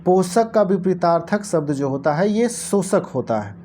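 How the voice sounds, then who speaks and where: A woman with a fairly low, mellow voice walks viewers through past exam questions in a teaching tone. She repeats key words slowly and keeps addressing her audience directly. Faint noise sits under the recording. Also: expressive. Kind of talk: Hindi exam lesson, going through a past paper.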